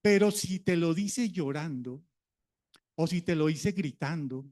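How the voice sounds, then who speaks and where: Pastor guy preaching, chatty, keeps asking the church stuff, voice a bit high. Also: unhurried, darkish tone. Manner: conversational preaching, asks the congregation questions. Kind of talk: sermon.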